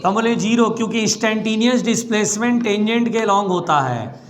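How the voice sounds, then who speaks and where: A man teaching a physics class, calling students "beta" and stressing key phrases slowly. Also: high voice.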